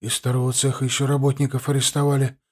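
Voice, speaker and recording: A man voicing a nervous, flustered male factory worker who talks in a hurried, halting way. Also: mid-range voice, monotone, a little mellow, close to an everyday voice.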